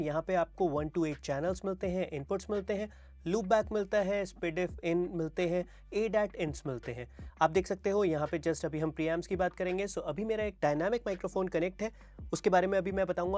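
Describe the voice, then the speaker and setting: A man's voice: high-pitched, a little mellow, no room sound. A man with an Indian accent walking through a studio product demo, explaining features step by step. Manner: explanatory, mixes English terms into Hindi. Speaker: gear reviewer. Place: home studio. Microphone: wireless mic, then dynamic and condenser mics.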